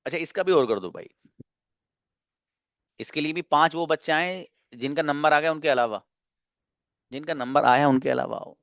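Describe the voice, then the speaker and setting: A man's voice: a little high, creaky, fairly bright tone, no room sound, dull audio. A man teaching a grammar lesson to a class, explaining step by step and asking questions he then answers himself. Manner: explains slowly, asks and answers own questions. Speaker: English teacher.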